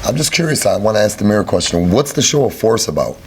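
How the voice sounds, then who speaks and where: A man's voice: lowish voice, very animated, fast talker, a little hiss or hum. A man at public comment questioning officials in an agitated, incredulous, confrontational way. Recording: loud crowd sound behind.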